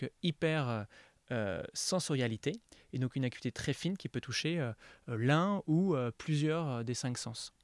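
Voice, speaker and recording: A man hosting a podcast interview, asking questions and explaining things in a relaxed, careful way with pauses. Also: mid-range voice, no room sound.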